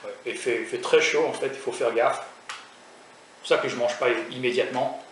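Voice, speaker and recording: A man's voice: medium pitch, normal speed, fairly bright tone, far from the mic. Hesitant young man, echoey room. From raised in France. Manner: hesitant, many fillers and restarts; self-mocking humor. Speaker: food vlogger. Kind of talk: casual vlog chat. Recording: echoey room, voice from off mic, faint noise.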